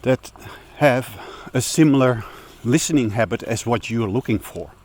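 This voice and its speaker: A man's voice: medium pitch, normal speed, darkish tone. A middle-aged man talking casually on a walk, rambling with fillers and restarts, a bit out of breath from walking uphill. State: slightly out of breath. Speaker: audio YouTuber. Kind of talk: casual vlog talk while walking. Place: outdoors on a hill walk.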